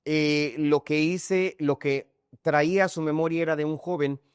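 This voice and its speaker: A man's voice: a little high, steady tone, unhurried, smooth, dry recording, studio quality. A male pastor preaching an emphatic sermon, speaking straight to his congregation and often addressing them as brother. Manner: emphatic preaching, often calls listeners "hermano".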